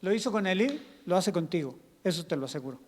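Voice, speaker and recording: A pastor, preaching conversationally and acting out scenes in a church hall. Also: male voice, high voice, animated, fast. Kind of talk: sermon.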